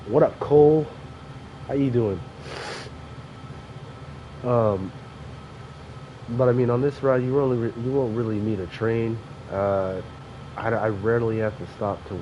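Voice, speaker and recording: A young man sniffles from allergies as he commentates a train sim game, rambling loosely with frequent fillers and self-corrections. His voice is fairly low and mellow, measured in pace with long pauses, caught on a dull lo-fi mic with clear background noise.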